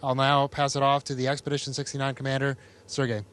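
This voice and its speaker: A man's voice: medium pitch, monotone, fast, a bit bright, a little hiss or hum. Male astronaut making formal radio remarks. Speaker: astronaut giving welcoming remarks. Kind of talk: formal radio welcome from a space station.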